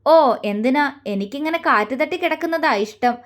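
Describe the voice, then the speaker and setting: A woman voicing a playful, teasing young husband in a romantic audio story, in a high voice close to her own. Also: animated, normal speed. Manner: teasing, mischievous.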